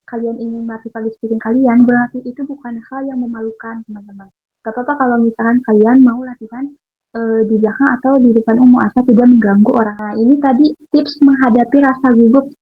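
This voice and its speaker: A young woman, a university student, giving casual public speaking tips in a chatty way, with frequent fillers. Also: a little high. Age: young adult. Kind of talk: casual instructional talk. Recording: tinny phone-like sound with faint music.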